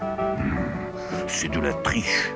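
A man voicing a vain, boastful male wind that taunts and brags loudly, with music underneath. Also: huge pitch swings, moderate pace. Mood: sulky. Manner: boastful, taunting, high and loud.

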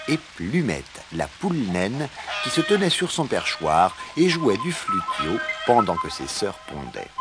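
Slow, expressive male storyteller. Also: on the low side. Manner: slow, expressive read-aloud. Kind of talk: children's story reading.

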